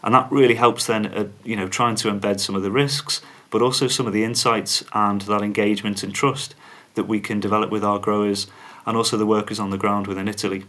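Man, low voice, podcast guest, steady corporate tone. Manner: measured, corporate, uses fillers. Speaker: podcast guest, company spokesman. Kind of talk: interview answers.

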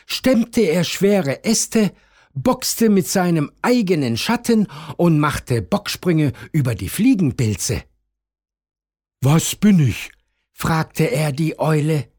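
Children's audiobook narrator, unhurried and very animated in pitch. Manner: slow, expressive reading. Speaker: storyteller.

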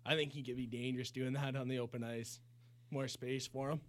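A man co-hosting a casual hockey talk show, giving plain-spoken opinions in a relaxed way. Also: mid-range voice, a little fast. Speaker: podcast co-host.

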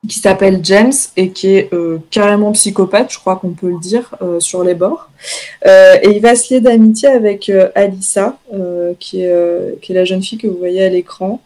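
A woman's voice: mid-range voice, fairly even intonation, moderate pace, mellow. A woman co-hosting a casual chat show, talking with many hesitations and fillers and laughing often. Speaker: podcast co-host presenting series picks.

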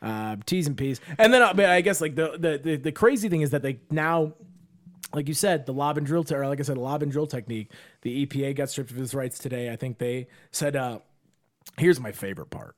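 A young man and former high school coach, co-hosting a podcast in casual chat, rambling and swearing while acting out quotes. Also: a little fast. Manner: rambling, profane, acts out quotes.

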